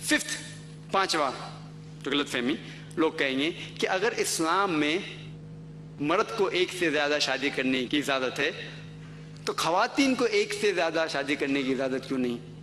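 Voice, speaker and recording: A man's voice: on the high side, animated, pauses often, pushed and bright, soft background music. A man giving an explanatory religious lecture, going through points methodically and citing verses by number.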